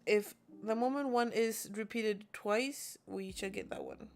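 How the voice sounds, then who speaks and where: Young woman game streamer, English not her first language, laughs a lot, mid-range voice, soft music underneath. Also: mid-range voice, measured pace, creaky. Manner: giggly, chatty, reads chat messages aloud. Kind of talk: casual live-stream chat. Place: alone in a room.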